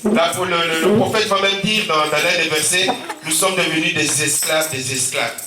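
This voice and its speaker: A man giving a sermon as pastor, his voice rather high and his speed normal, keeps calling amen and alleluia through a sore throat and cold. He has a Central African French accent. Crowd noise fills the echoey church hall, where he's recorded from a distance.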